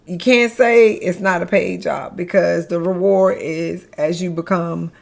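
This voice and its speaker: A woman's voice: fairly low pitch, steady tone, unhurried, creaky. A middle-aged mother chatting as an interview guest, playful and laughing often, repeating words for emphasis. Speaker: guest, mother and business founder. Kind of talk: casual conversational interview.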